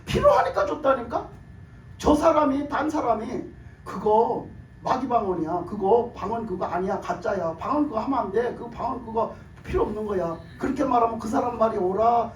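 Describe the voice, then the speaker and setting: His voice, pitched extremely high, is raspy and cracked from years of shouting prayers, and his intonation stays lively at a moderate pace. This pastor punctuates his sermon with rhetorical questions and chuckles. The distant recording in a reverberant room carries faint ambience plus a little hiss or hum.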